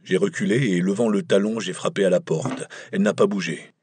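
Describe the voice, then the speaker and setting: A man narrating an audiobook in the first person, measured and wry. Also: deep voice, steady tone, a little mellow, slight background noise.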